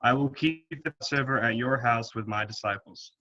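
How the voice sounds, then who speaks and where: A man reading the part of Jesus in a church reading, speaking in a measured, solemn way. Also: medium pitch, sharp tone, highs cut off, natural voice. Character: Jesus, calm grave male teacher. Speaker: reader.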